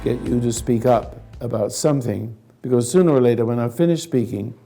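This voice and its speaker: An older man hosting a group counselling talk, with a hoarse, raspy voice that sounds like gargling, speaking earnestly in halting, emphatic phrases. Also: mid-range voice, warm tone, faint music behind. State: hoarse, throat-clearing. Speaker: host leading a group conversation.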